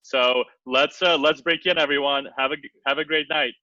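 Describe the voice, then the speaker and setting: A man's voice: on the high side, steady tone, moderate pace, pushed and bright, no room sound, far from the mic, highs cut off. A man hosting a live Q&A event, upbeat and polite as he thanks the guest. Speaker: event host.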